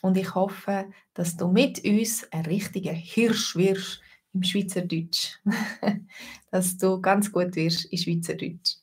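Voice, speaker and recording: A woman with a Swiss German accent, giving a casual online lesson as a language teacher, slow and hesitant with many fillers. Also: medium pitch, fairly even intonation, husky.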